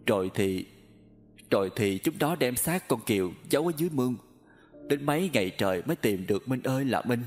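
A man's voice: mid-range voice, lively intonation, a little fast, a little mellow, soft background music, close to an everyday voice. A man voicing a grieving elderly woman who speaks through tears, in a storybook reading. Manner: wailing, tearful speech.

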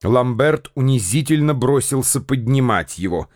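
A man narrating a classic novel as a radio play, measured and dramatic. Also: medium pitch, animated, a little mellow, no echo, studio quality.

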